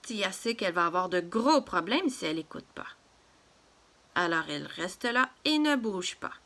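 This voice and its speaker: A woman reading a children's story aloud in a gentle, expressive way. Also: on the low side, normal speed.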